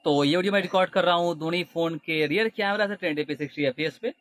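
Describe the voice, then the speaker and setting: A man's voice: fairly high pitch, fast talker, fairly bright tone. A man giving a casual on-the-spot demo outdoors as a tech reviewer, recorded on a phone's built-in microphone. He announces each step as he works the phones.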